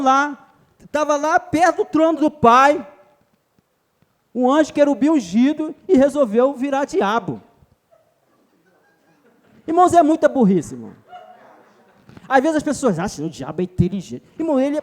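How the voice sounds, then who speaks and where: Very high-voiced Brazilian man preaching. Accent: Brazilian Portuguese. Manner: emphatic, keeps addressing listeners as brother. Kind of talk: sermon. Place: church retreat.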